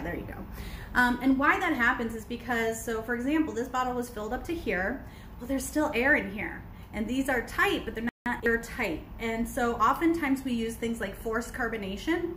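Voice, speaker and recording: A woman's voice: on the high side, a bit bright, a little hiss or hum. Woman, 40s, casual livestream educator with lots of fillers; phone at arm's length in an echoey room. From United States. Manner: chatty and explanatory, many um fillers. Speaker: kombucha brewing educator. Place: indoors on a couch by large windows. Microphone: phone camera at arm's length.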